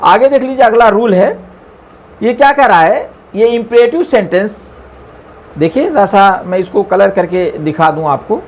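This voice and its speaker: A man teaching English grammar, explaining slowly and reading the English examples out word by word. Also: sits high, lively intonation, a little hiss or hum. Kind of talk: explaining a grammar lesson on screen.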